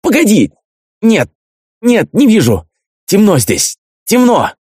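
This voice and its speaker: A crude, terrified male captive, shrieking high and raw. He swears, begs and sobs, his voice husky and wildly uneven. Dry, close audiobook sound. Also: huge pitch swings, takes it slowly, a little mellow, dry recording, full character voice. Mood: panicked. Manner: shrill shrieking, swearing, sobbing.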